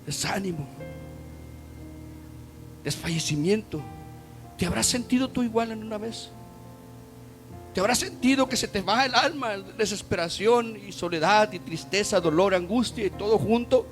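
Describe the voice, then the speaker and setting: Man, preacher, sermon, high voice, dramatic loud-to-hushed swings, faint music behind. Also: normal speed, long pauses. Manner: addresses listeners as "hermano".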